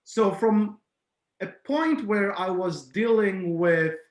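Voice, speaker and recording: A man's voice: high voice, animated, takes it slowly. A man from Israel, a guest on a podcast, telling his story in casual interview talk with many fillers and restarts. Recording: echoey room.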